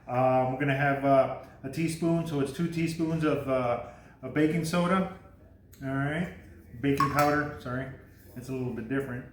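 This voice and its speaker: A man hosting a casual home cooking demo, rambling and correcting his own slips with a chuckle. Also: on the high side. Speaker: home cooking show host. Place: home kitchen. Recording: echoey kitchen, clear background noise.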